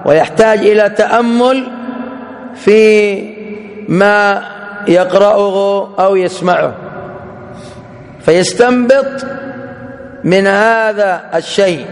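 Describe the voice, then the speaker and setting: A man teaching a religious lesson in a measured, explanatory way, spelling out each point with care. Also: high voice, long reverb tail. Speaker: Islamic teacher.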